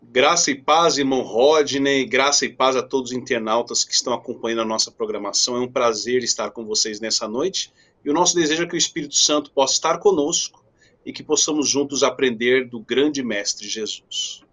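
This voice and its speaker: Friendly pastor, quick talker. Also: male voice, mid-range voice, fairly bright tone. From Brazil. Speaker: pastor and guest. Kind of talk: interview answers.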